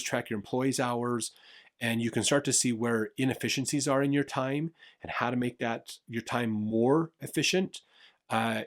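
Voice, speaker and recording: A man talking casually and explaining things, with fillers and the odd restart. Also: mid-range voice. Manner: conversational, with fillers and repeated "literally". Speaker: host recommending business tools.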